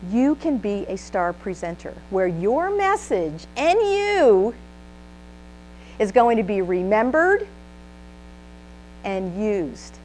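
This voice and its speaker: Slow, emphatic woman training presenter. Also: medium pitch, big pitch swings, darkish tone, a little hiss or hum, poor audio. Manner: leads the audience in call-and-response; upbeat and emphatic. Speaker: presenter giving a trainer workshop. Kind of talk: motivational training speech. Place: room with a live audience.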